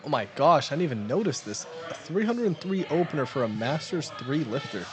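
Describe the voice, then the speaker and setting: A man giving excited live commentary at a powerlifting meet, calling each lift and its result. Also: fairly high pitch, brisk. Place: powerlifting gym.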